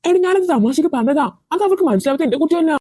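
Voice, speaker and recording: A woman's voice: high voice, animated, rapid-fire, mellow, no echo, studio quality, pitched below the performer's own voice. A woman voicing a teenage schoolboy leader who keeps brushing things off as a joke. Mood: sheepish. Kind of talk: cartoon voice acting.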